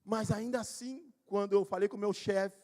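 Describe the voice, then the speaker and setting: A male pastor with a rather high voice, preaching live to his church. He tells his stories conversationally, addressing people by name, and pushes into shouted emphasis at key points. His voice rings with the long reverb of a church hall. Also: fairly even intonation, normal speed. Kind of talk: live church sermon, personal storytelling.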